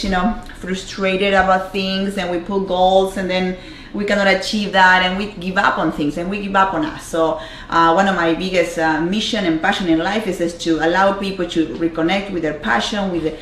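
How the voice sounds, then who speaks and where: An Argentine woman with a strong Argentine Spanish accent gives an earnest motivational talk as a life coach on Facebook Live, full of fillers and repeated words. Her medium-pitched, fairly bright voice comes through a livestream camera mic, sounding reverberant with slight background noise.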